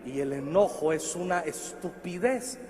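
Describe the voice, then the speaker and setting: A Mexican man preaching a sermon, swinging from quiet asides to shouted lines. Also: on the high side, measured pace, in a large hall, a little hiss or hum. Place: large church hall.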